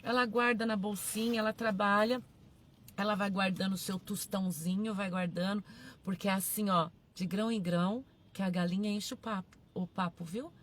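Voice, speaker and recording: A woman's voice: medium pitch, steady tone, normal speed. A woman pastor, preaching a sermon emphatically, repeating her phrases and calling out to her listeners.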